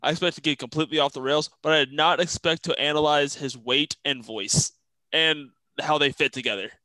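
A man hosting a sports podcast, rambling quickly with many restarts. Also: on the high side, sharp tone, no echo, low-quality recording. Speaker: podcast host. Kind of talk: casual chat.

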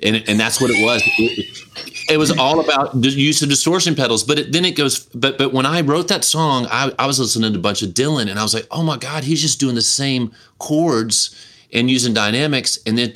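A man's voice: medium pitch, bright, forceful tone. Songwriter dude chatting about his old songs, jokey, goofy asides, easygoing. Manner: joking, playful, self-mocking asides. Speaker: songwriter guest. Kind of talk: casual interview chat.

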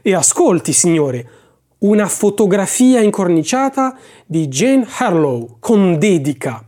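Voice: mid-range voice, sing-song, measured pace, dark tone. A reader voicing a polite, eager male antique dealer who speaks deferentially in an audiobook. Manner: deferential, courteous.

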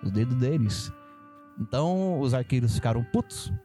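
A man's voice: mid-range voice, animated, normal speed, warm tone, faint music behind. A man co-hosting a casual chat, telling history trivia in a laid-back, jokey way. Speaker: podcast co-host.

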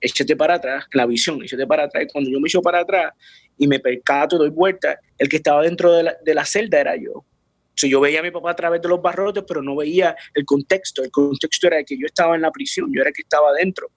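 Man, faith testimony, earnest, restarts words, slightly high pitch, dry recording. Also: fast talker, no room sound. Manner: earnest, repeats and restarts words, drops English words into Spanish.

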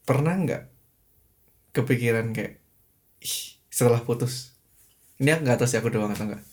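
A man's voice: medium pitch, fairly quick. Give me a young man in casual chat, rambling with lots of fillers and chuckles. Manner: rambling, heavy use of fillers, chuckles often.

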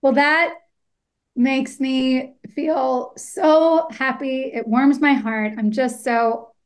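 A woman's voice: sits high, steady tone, slow pace, smooth. A middle-aged woman hosting a podcast interview, effusive and enthusiastic in how she talks. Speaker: podcast host.

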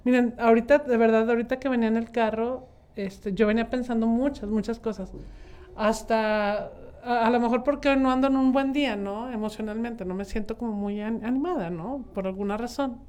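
A woman's voice: a little high, fairly even intonation, a little fast, darkish tone. A woman in her thirties with a Mexican accent, talking reflectively and rambling with many fillers in a casual group chat.

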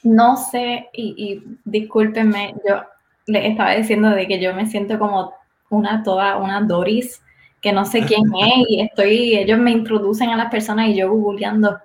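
A woman guest on a podcast, talking in a relaxed, hesitant way with many fillers. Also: medium pitch, normal speed, reverberant. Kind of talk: casual podcast chat.

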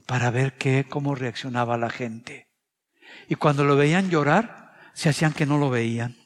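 Earnest Mexican preacher in a reverberant hall. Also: male voice, medium pitch. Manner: earnest, confessional, tells personal anecdotes. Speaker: pastor. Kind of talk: sermon.

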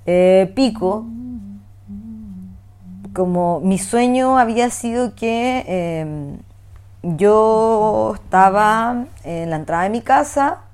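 A young woman with a Chilean Spanish accent, telling a story in animated, slang-heavy casual chat. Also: mid-range voice, slow pace.

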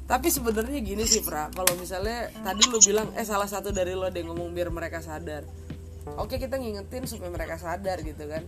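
Casting: young Jakarta woman, mid-pitched, slangy and emphatic podcast co-host, loud music underneath. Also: quick pace. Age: young adult. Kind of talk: casual chat with slang.

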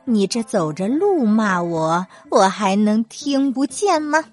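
A woman's voice: medium pitch, sing-song, slow, darkish tone, soft background music. A woman voicing a proud, hot-tempered male monkey king who snorts and scolds, in a children's story. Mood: scolding haughty.

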